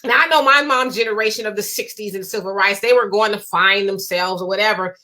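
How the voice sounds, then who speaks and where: A woman in her forties co-hosts a casual live discussion, chatty, animated and brisk at a medium pitch. She drives her points home with a rhetorical "right?".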